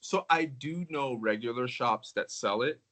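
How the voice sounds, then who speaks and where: A man chatting casually as a crystal collector, with a mid-range voice. He rambles in a relaxed way, trailing off and circling back with plenty of ums. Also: medium pitch, a little slow, rough recording. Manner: relaxed, rambling, with filler words. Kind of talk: casual conversation.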